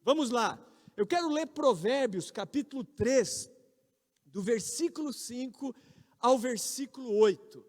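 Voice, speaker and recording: A Brazilian man in his forties, a pastor, preaching a sermon with emphatic, loud peaks on key words. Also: very high-pitched, animated, unhurried. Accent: Brazilian Portuguese. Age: 40s. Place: large church hall. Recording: reverberant church hall.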